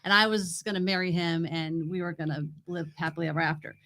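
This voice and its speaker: A woman co-hosts a podcast in a casual, conversational chat. Her voice is on the low side and fairly bright, with fairly even intonation and a quick pace.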